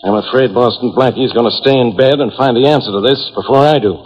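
An actor playing a dogged, grudging police inspector in a lo-fi 1940s radio drama. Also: male voice, medium pitch, fast talker, lightly acted. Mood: gruff, suspicious. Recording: dull lo-fi 1940s radio recording.

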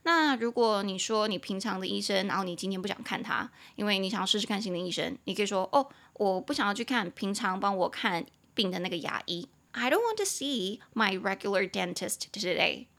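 Bright-voiced woman teaching English. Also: mid-range voice, fast talker, hardly any pauses. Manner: lively, explains words in Mandarin and English, spells letters. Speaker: English teacher, podcast host. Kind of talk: podcast English lesson.

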